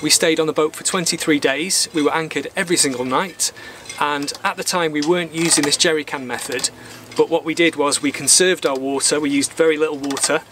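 A man in his thirties runs an instructional sailing channel, speaking plainly to the camera from a small boat moored in a marina. His voice is fairly high and a little bright, with a steady tone and a fairly quick pace. Marina sounds from outdoors fill the background.

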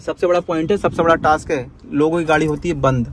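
A high-voiced man teaches driving from the passenger seat, repeating each instruction and checking in with a quick "okay" after it. The faint hum of the car and the street sits behind his voice. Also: fairly even intonation. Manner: instructive, repeats commands, tags lines with "ठीक है". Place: inside a car on the road.

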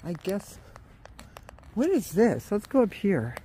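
Slow and sing-song, her mid-range voice has a dark tone over slight background noise. She's a vlogger hiking a wooded path with a phone in hand, chatty and laughing, exclaiming a lot while out of breath from the ascent.

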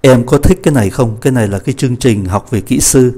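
A man teaching French pronunciation, slowly modeling each phrase and then explaining it. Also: mid-range voice, warm tone. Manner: slow, deliberate model readings of French phrases between quick explanations. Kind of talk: pronunciation lesson.

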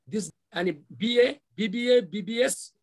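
A middle-aged man with a Nepali accent presenting slides on a video call in halting, repetitive phrases. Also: sits high. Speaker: university official presenting a development plan. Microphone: video call microphone.

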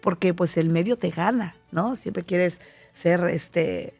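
A middle-aged woman with a Mexican accent, talking as a guest on a talk show and telling personal stories with lively, acted-out quotes. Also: lowish voice, takes it slowly, gravelly, husky, dry recording, faint music behind. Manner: animated storytelling, acting out quoted voices. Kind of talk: casual talk show conversation.

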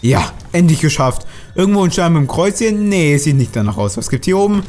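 A man narrating his own game run in a slightly higher voice, talking steadily and grumbling at the enemies on screen. Faint game music plays behind his commentary. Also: animated, a little fast, a little mellow. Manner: chatty, grumbling and swearing at enemies. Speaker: let's play host. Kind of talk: gaming commentary.

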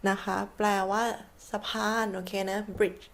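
A Thai-accented woman teaching an English lesson at an unhurried, deliberate pace. She spells each word letter by letter, then says it again and again so learners can follow. Her voice sits in a middle register for a woman. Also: mid-range voice, little pitch movement. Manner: spells words letter by letter and repeats them slowly. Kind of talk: slow, patient classroom explanation.

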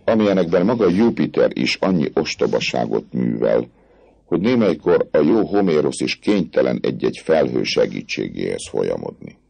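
A man reading a classic novel aloud as an audiobook narrator, in an expressive, dramatic way. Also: very deep voice, gravelly, slightly rough, no echo.

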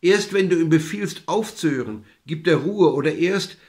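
A man's voice: a little high, moderate pace, a little mellow, pitched above the performer's own voice, close to an everyday voice. A man voicing a very old peasant woman in a fairy tale, earnest and reassuring. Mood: instructing.

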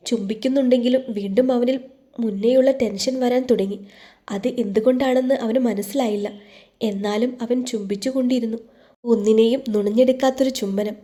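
A woman narrating a romance audio story in a calm, even, intimate way as a scripted voice-over. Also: on the high side.

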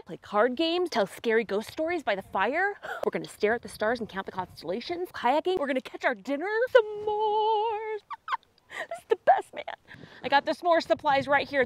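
A woman in her thirties performing a comic camping sketch outdoors with a lapel mic, chatty and dramatic, swinging from hushed asides to excited bursts. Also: fairly high pitch. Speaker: comedy sketch host. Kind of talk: comedic sketch monologue to camera. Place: forest campsite outdoors.

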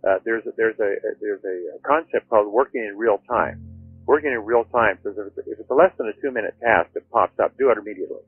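A man's voice: lowish voice, quick pace, husky, dry recording, soft background music. A man giving conversational productivity advice in a methodical, instructive way, heard through a telephone-like line. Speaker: productivity author and speaker. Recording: dry, tinny phone-like line.

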